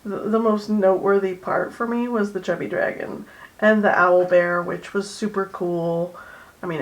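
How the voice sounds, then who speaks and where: A woman hosting a drawing session at her home art desk, chatting casually and going soft and hushed when she concentrates. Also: lowish voice, vocal fry, low-quality recording. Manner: soft-spoken, drifting into near-whispers while concentrating; chatty and easygoing, with fillers and small laughs. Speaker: art channel host. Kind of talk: casual drawing tutorial chat.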